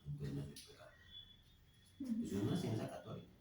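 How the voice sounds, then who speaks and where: A man's voice: low voice, big pitch swings, fast talker, noisy background. A man preaching a sermon in a church, from Colombia, often checking with the congregation by asking "right?". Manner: frequent questioning "¿sí?" to congregation. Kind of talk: sermon with personal story. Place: church hall. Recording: echoey church hall from far off.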